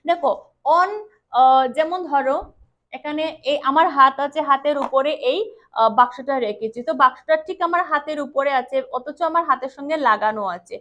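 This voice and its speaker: A woman teaching English grammar, speaking slowly and deliberately and repeating each example sentence. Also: sits high, fairly bright tone, lo-fi sound. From Tripura, India. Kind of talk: classroom-style grammar lesson.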